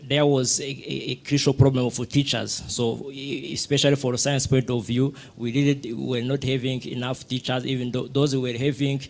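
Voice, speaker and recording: A man's voice: mid-range voice, little pitch movement, moderate pace, creaky, hardly any pauses, darkish tone. A middle-aged man from Rwanda speaking as a physicist on a panel, telling his story with many restarts and fillers. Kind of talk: panel talk, personal story.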